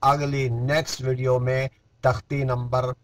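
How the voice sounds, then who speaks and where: A man teaching Quran reading, spelling out each letter and vowel mark, then blending them into words, with quick soft asides between drills. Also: mid-range voice, little pitch movement, noisy background. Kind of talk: slow syllable-by-syllable recitation lesson.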